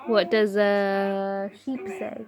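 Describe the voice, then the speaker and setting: A woman's voice: mid-range voice, fairly even intonation, very slow, darkish tone. A woman, a mother at home, playfully asking her small children for animal sounds, cheering and echoing their answers in a sing-song way. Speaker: mother playing with her toddlers.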